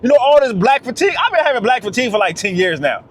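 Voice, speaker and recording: A man's voice: extremely high pitch, sing-song, rapid-fire. A man talking straight to camera in a casual vlog, emphatic and slangy, repeating his phrases for weight. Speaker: vlogger.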